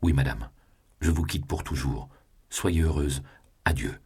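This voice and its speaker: A man's voice: a bass voice, fairly even intonation, moderate pace, darkish tone, breathy edge, heavily acted. A man voicing a proud young man who speaks in a cold, firm, resolute tone in an audiobook.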